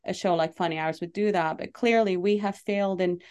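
Low-ish, darkish and clean in tone, this middle-aged Lebanese woman speaks briskly with fairly even intonation. A comedian and show producer, she answers interview questions in an earnest, chatty style, laughing easily and using lots of fillers.

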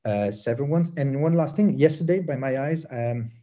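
Halting Bosnian-born war reporter. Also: male voice, mid-range voice, warm tone, highs cut off. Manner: halting, many fillers and restarts. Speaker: war correspondent. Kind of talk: field report interview.

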